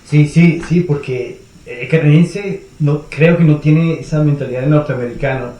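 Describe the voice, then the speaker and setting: A Venezuelan man with a Venezuelan accent answers interview questions as a guest, speaking in a measured way with frequent hesitations. His voice is on the high side and warm in tone. The recording sounds echoey, as if made in a reverberant room.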